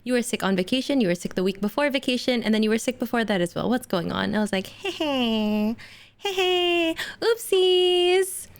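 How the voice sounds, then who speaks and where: This woman streamer has a light Indonesian accent and a fairly high, expressive voice with a clean tone at a normal pace. She chats, giggles and jokes casually with her viewers despite feeling unwell from an upset stomach.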